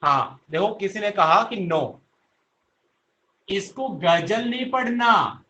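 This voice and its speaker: Male teacher, high bright voice, slow delivery, drills the class with repeated questions. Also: animated, lo-fi sound. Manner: answers his own questions. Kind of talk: online class lesson.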